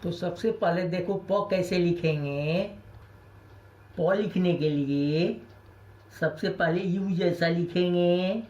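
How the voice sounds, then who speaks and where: A very slow, patient teacher, a man, spells out each letter twice so children can repeat after him. His voice is soft and mellow. The recording sounds dull and lo-fi. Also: high-pitched. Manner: deliberate, says each letter twice for pupils to copy. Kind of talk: recorded primary school language lesson.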